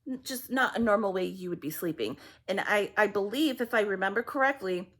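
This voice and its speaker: A woman giving a casual psychic reading, halting and repetitive with many fillers and restarts, sometimes sinking to a near-whisper. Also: medium pitch, fairly bright tone. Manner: swearing, acts out heated quotes. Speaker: psychic reader.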